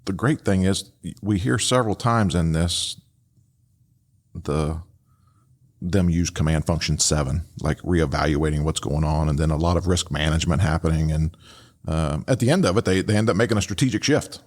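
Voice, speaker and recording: Low-voiced man giving casual commentary. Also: normal speed. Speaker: host and instructor reviewing radio traffic.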